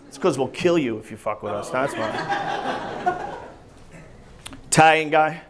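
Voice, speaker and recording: A man from New Jersey with a New Jersey accent doing a brash, profane stand-up set, singing and shouting bits on a comedy club stage. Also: medium pitch, expressive, slow, noisy background. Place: comedy club stage before a laughing audience. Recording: live club crowd audible.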